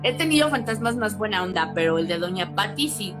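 A woman with a Mexican accent tells a story in a relaxed chat, her voice at an ordinary middle pitch. She animates the tale, jumping into high voices when quoting people. Clear music plays behind her. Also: brisk. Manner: animated, acts out quotes with sudden high exclamations. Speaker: guest storyteller. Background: background music.

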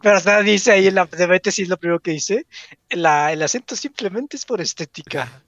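A man's voice: sits high, brisk, fairly bright tone, no room sound, muffled recording. A man who needles his friend playfully in a casual chat. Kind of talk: casual banter among friends.

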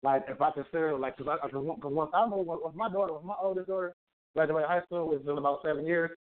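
A man with a fairly high voice co-hosts and chats loosely. He keeps restarting his sentences as he rambles. His audio sounds thin and tinny, like a phone line. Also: quick pace. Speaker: podcast co-host. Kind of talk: casual chat.

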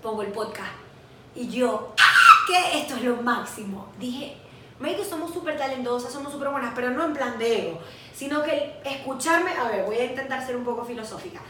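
Una mujer de unos veinte años con acento venezolano, copresentadora de un pódcast, que cuenta sus vivencias con franqueza y anima sus relatos imitando voces. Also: female voice, sits high, fairly quick, heavy reverb, distant mic, heavy background noise. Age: 20s. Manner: candid, animated storytelling with acted quotes. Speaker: podcast co-host. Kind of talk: casual chat.

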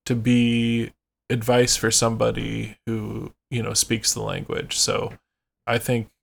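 A man's voice: mid-range voice, completely flat delivery, takes it slowly, creaky. A man hosting a podcast in casual chat, reading out phrases and explaining them with lots of fillers. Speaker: podcast host.

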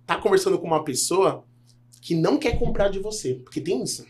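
A man's voice: high voice, a little fast, a crowd in the background. A man in his thirties, a health insurance broker and podcast guest, telling a sales story in casual chat and acting out the dialogue. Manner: animated, acts out dialogue while telling a story.

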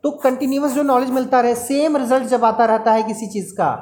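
Woman lecturer, higher voice, patient step-by-step explainer. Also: fairly even intonation, a little fast, darkish tone, slight background noise. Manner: explains step by step, repeats key terms, asks rhetorical questions. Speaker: teacher. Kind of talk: classroom lecture.

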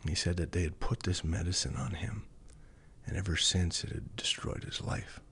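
A man's voice: sits low, fairly even intonation, normal speed, vocal fry, fairly bright tone, husky, in a whisper. A man with a hillbilly drawl, telling stories and testimony in a folksy cowboy-preacher way as a podcast guest. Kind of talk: testimony storytelling in conversation.

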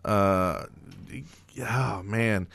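A man's voice: on the low side, steady tone, drawn-out words, creaky, fairly bright tone, clean tone, no room sound, clean studio sound. A man and father of young kids, co-hosting a casual podcast chat and telling rambling, joking stories. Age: adult father of young kids. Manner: jokey, rambling storyteller. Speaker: podcast co-host.

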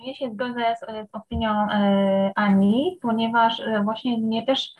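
A woman's voice: on the high side, fairly even intonation, measured pace. A woman in a book club discussion, weighing a book's structure in long, thoughtful reasoning. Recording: muffled lo-fi sound.

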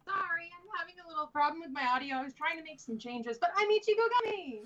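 A woman's voice: extremely high pitch, lively intonation, fast talker. A woman co-hosting a podcast, her voice muffled and distant through a faulty headset. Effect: muffled, distant audio. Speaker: podcast co-host. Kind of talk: casual chat. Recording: muffled lo-fi headset with static noise.

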